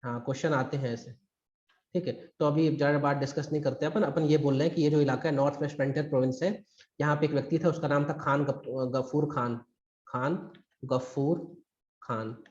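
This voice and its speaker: In a live online history class aimed at exam prep, a man talks fast in a fairly high, slightly mellow voice with fairly even intonation, conversational and emphatic, acting out quotes. The video-call audio is dull with a roomy sound.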